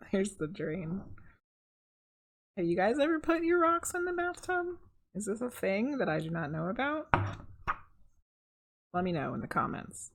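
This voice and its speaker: Reading a picture book for kids, this middle-aged woman keeps things expressive and chatty, dropping casual remarks to her audience. Her voice is slightly husky and fairly low in pitch.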